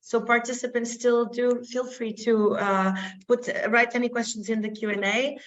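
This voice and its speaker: A woman's voice: a little high, normal speed. A woman moderating a webinar, passing the floor politely with some hesitation. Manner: polite, hesitant, flat delivery. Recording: echoey dull call audio with faint noise.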